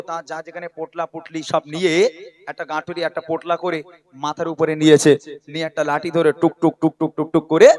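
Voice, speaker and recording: A man with a high-pitched voice speaks earnestly to a gathered crowd, preaching and telling stories between songs. He addresses the listeners directly, with the feel of a live stage event. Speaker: gojol singer and preacher. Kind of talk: stage religious talk and storytelling.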